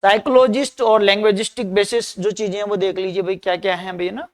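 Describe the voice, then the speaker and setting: A man teaching an exam-prep class. He reads English points slowly, then explains each one in Hindi, often adding "bhai" and reminders to keep things in mind. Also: high-pitched, steady tone. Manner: repeats "dhyan rakhiyega" and "bhai" often. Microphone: screen recording.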